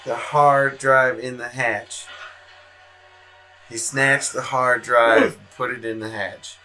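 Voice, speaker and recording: A man chatting casually on a movie review podcast, joking and drawing out his words. His voice is bright and pushed forward. Faint music plays in the background. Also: mid-range voice, flat delivery, slow pace. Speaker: podcast co-host. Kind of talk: casual chat over a movie.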